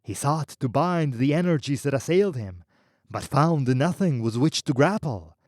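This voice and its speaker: A man narrating an audiobook in an expressive, measured way. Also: mid-range voice, no echo, studio quality.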